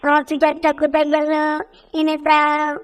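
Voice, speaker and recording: A woman voicing Jerry, an excitable cartoon mouse who cries out in alarm. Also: high-pitched, moderate pace, no echo, big-room sound, close to an everyday voice.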